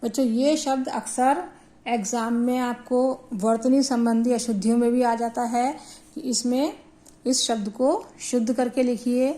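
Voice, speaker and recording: Slow, high-voiced woman teaching Hindi grammar. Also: fairly even intonation, dark tone. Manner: slow, deliberate, spells out syllables. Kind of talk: classroom grammar lesson.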